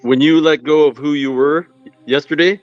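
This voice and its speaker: A man's voice: a little high, steady tone, normal speed, dry recording, muffled recording, soft background music. A man on a video call telling stories in a casual live-stream chat, enthusiastic and swearing casually. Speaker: guest.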